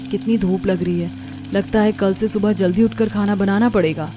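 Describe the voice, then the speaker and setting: A woman voicing a hardworking, gentle young village daughter-in-law in a cartoon. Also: mid-range voice, fairly even intonation, moderate pace, background noise, natural voice. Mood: weary.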